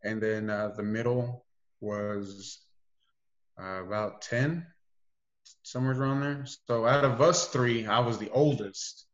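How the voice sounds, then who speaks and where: Man, podcast guest, easygoing, storytelling, halting, muffled lo-fi sound. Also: mid-range voice, fairly even intonation. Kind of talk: casual interview chat.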